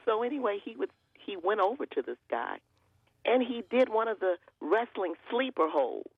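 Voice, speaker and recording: Older woman guest, husky storyteller, dull lo-fi line. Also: medium pitch, moderate pace, dry recording. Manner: storytelling, animated quoting.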